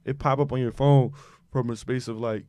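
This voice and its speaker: A man co-hosting a casual chat, telling workplace stories in a relaxed way, with lots of "like.". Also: medium pitch, normal speed, no echo, clean studio sound. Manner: laid-back storytelling, heavy use of "like". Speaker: podcast co-host.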